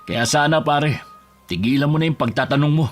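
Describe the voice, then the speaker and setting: In an audio drama over background music, a man with a slightly high, natural voice plays a bus driver and husband who has grown curt and defensive. Speaking briskly, he sounds hostile and bristling, snapping and flaring into shouts.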